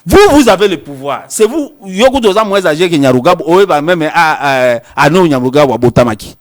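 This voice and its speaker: A man's voice: on the high side, expressive, fairly quick. A man, a lawyer from Congo with a Congolese French accent, arguing politics on a talk show and switching between French and Lingala with many restarts. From Democratic Republic of the Congo.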